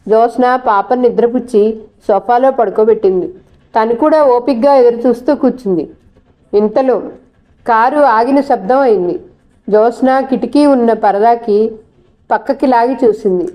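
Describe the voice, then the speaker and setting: Woman storyteller, audiobook narration, steady measured reading, mellow warm voice, somewhat high pitch.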